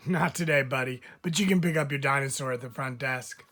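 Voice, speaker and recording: A man's voice: mid-range voice, a little fast, a bit bright, slight background noise, lightly acted. A man reading a picture book aloud, voicing a friendly, matter-of-fact nurse. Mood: cheerful. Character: cheerful nurse, adult.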